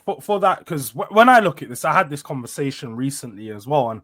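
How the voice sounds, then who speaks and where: A man's voice: a little high, big pitch swings, a little fast, a bit bright. A man hosting a casual football discussion, probing and rephrasing his questions as he goes. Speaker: host.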